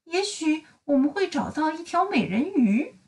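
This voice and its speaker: A woman voicing a scatty, excitable little lady from a children's storybook, with a dramatic, naive eagerness. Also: high voice, normal speed, recorded from a distance. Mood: curious.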